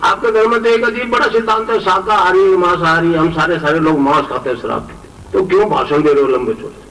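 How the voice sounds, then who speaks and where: A man's voice: on the high side, quick pace, fairly bright tone, distant mic, low-quality recording. A man voicing a blunt American skeptic who mockingly challenges a monk, in a sermon anecdote. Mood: challenging. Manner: mocking, argumentative.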